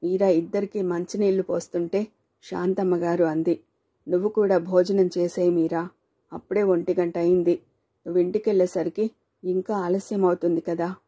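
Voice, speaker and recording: A woman's voice: lowish voice, flat delivery, moderate pace, warm tone, breathy edge. A woman narrating a story aloud, reading the dialogue of its characters.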